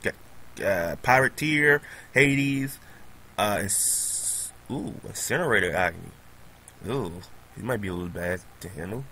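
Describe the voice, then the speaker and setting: A man casually commenting on his own game as he plays, excitable and prone to repeating himself. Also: on the low side, measured pace, low-quality recording. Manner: excitable, repeats pleading words, laughs often. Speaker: gamer recording gameplay commentary. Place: at home on a laptop.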